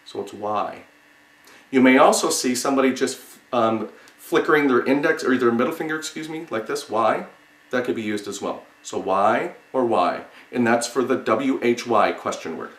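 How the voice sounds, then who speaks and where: Male instructor, slightly low voice, halting explanations, repeated single words, roomy echo. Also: a bit bright. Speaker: sign language teacher. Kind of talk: instructional lesson, demonstrating word by word. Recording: roomy, echoing sound.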